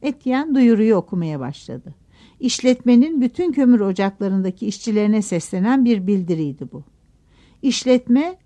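A woman narrating a novel aloud in a measured, expressive audiobook reading. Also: medium pitch.

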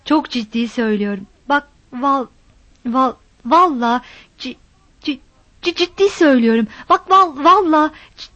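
A woman's voice: high-pitched, lively intonation, measured pace, bright, forceful tone, no echo, full character voice. Woman doing a coarse, wheedling village man. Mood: stammering. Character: rough, boastful village man courting a woman.

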